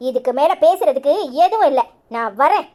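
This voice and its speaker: A woman's voice: sits high, expressive, brisk, darkish tone. A woman voicing a proud, scolding older village mother whose son is about to marry; she talks sharply and threatens. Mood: stern. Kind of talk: cartoon voice acting.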